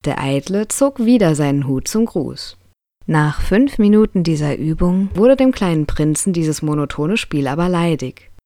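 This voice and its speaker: A woman reading a storybook aloud in a calm, even way. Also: low voice, moderate pace, dry recording, clean studio sound.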